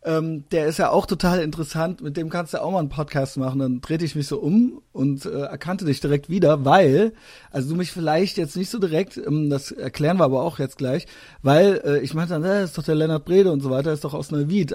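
A man's voice: fairly high pitch, a little fast, darkish tone, no echo, studio quality. A man in his thirties from western Germany hosting a casual podcast chat, talking in a hesitant way with lots of filler sounds. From Koblenz, Germany. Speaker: podcast host.

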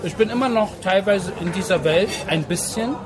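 A Berlin man in his 40s, appearing as an interview guest, tells his own story in a high voice at a moderate pace. His speech is casual, slangy and emphatic, repeating phrases for stress, while music and crowd noise fill the low-quality recording.

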